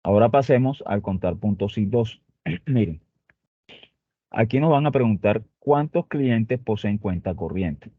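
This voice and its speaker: A man's voice: fairly low pitch, lively intonation, a little slow, no room sound. A man teaching a spreadsheet lesson, explaining step by step and checking in with his students often. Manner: explains step by step, with frequent "¿ok?" and "muchachos" check-ins. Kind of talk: spreadsheet tutorial. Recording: tinny phone-like, dry sound.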